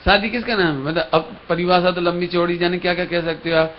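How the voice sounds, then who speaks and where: High-voiced man preaching a story sermon. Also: fairly even intonation, quick pace. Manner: storytelling, acts out characters' dialogue, asks the audience questions. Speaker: Jain preacher. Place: lecture hall at a religious camp. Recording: dull live stream audio with faint hiss.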